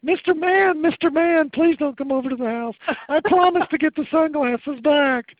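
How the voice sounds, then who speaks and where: A man voicing a panicked mother who begs him on the phone in a high, frantic voice, on a dull lo-fi recording. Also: normal speed, no echo. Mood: frantic pleading.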